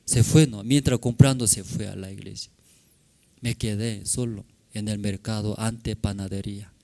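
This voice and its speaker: A man's voice: on the low side, normal speed, creaky. A male pastor with a Korean accent, a native Korean speaker, telling a personal story in a sermon in simple broken Spanish, often checking in with tag questions. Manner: animated, acts out shouting in the story.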